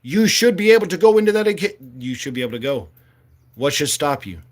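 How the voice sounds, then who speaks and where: A candidate in his late forties rants passionately and bluntly, swearing freely as he goes. He has a fairly high, sing-song voice and talks a little fast.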